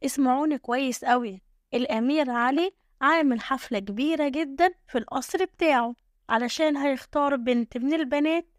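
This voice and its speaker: A woman voicing a male palace herald with an Egyptian accent, proclaiming loudly to a village. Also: high voice, a little fast, dry recording, clean studio sound, lightly acted. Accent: Egyptian Arabic. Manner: announcing loudly.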